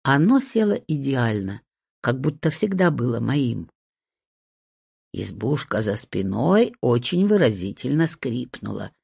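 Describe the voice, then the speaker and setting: Expressive, husky woman reading a story. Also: a bass voice, measured pace, no echo, studio quality. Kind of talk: first-person storybook narration.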